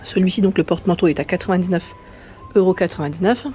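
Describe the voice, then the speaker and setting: A woman's voice: lowish voice, steady tone, quick pace, warm tone, faint music behind. Chatty woman touring a furniture store. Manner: chatty, reads out prices and sizes, many tag-on fillers. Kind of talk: casual walkthrough chat. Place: inside a large furniture store.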